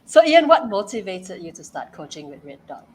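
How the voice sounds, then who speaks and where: A woman hosting a talk show, giving a measured introduction and then asking the guest a question. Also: medium pitch, sing-song, darkish tone, poor audio. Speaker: host.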